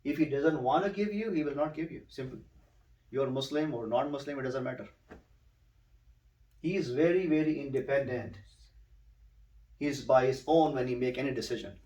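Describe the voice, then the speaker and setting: A man's voice: medium pitch, a little mellow, far from the mic. Patient male tutor, echoey and off-mic. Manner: patient, repeats words slowly for a student to echo. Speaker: Quran recitation teacher. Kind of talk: one-on-one tutoring. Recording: roomy, a bit off-mic.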